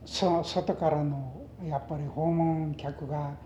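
Older man, western Japanese dialect, halting storyteller with soft-edged mellow tone, muffled roomy interview tape. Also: fairly high pitch, steady tone. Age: older, retired. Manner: halting, anecdotal, mixes in English words. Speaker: oral history interviewee. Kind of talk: reminiscing in conversation. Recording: echoey, muffled, noisy interview recording.

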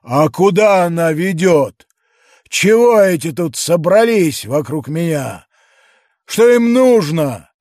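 A man voicing a huge, lonely male giant quarryman who asks slow, plaintive questions, in a dry studio recording. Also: a little high, animated, a little mellow, no room sound. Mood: bewildered.

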